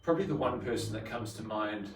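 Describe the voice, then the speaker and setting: Low-voiced man with a broad Kiwi accent. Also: fast. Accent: broad New Zealand. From New Zealand. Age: 40s. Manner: colloquial and slangy. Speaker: podcast guest. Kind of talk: casual interview chat. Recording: roomy echo, distant mic, faint noise.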